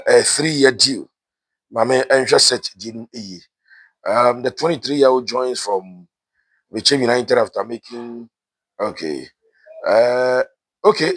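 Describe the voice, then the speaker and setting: A man's voice: mid-range voice, fairly bright tone, husky. A man with a Ghanaian accent giving casual football transfer news, switching between Twi and English with frequent "eh" fillers. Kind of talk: casual sports news commentary.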